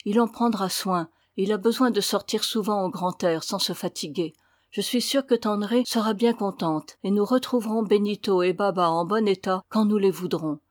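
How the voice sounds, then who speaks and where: A woman's voice: medium pitch, normal speed, dry recording, studio quality, natural voice. A woman reading a storybook voices a fierce young woman who defends her home defiantly and indignantly. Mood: gentle.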